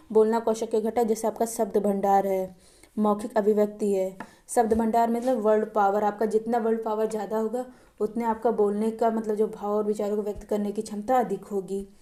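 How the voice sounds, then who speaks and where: A woman's voice: mid-range voice, level tone, fairly quick, warm tone. A woman teaching an exam-prep lesson, posing questions to her listeners and answering them herself, repeating key terms.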